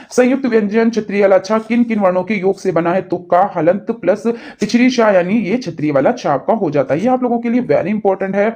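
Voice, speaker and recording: A man's voice: sits high, a little mellow. A man teaching an exam-prep lesson, explaining answers step by step, checking in with his students and correcting himself as he goes. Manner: self-corrects mid-answer.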